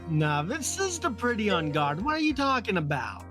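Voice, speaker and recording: Female co-streamer, dry and teasing, very lively pitch, light music bed. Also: moderate pace. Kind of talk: casual chat, reading game lines aloud.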